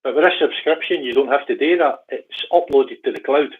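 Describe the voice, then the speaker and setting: A man's voice: medium pitch, fairly quick. A man from Glasgow chatting easygoing over a call as a guest, hesitant and full of fillers. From Glasgow, Scotland. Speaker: guest biker. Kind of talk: casual chat over a call. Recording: tinny phone-like call line.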